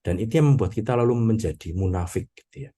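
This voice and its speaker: A man gives a sermon in a low, warm, mellow voice. He talks to the congregation in a casual, conversational way and keeps checking in with them through small tag questions. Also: animated, quick pace. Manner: conversational, peppers talk with "gitu ya" and "ya toh"; addresses congregation as "Bapak Ibu".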